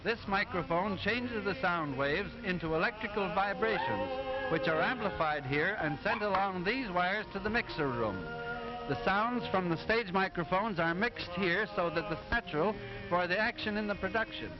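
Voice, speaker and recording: A man playing an instructive professor in an early talkie cartoon, explaining things in a deliberate, didactic manner. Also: high-pitched, lively intonation. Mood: patient, instructive. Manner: deliberate, didactic, clearly enunciated. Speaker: narrator explaining sound film. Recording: dull 1920s optical film soundtrack, music behind.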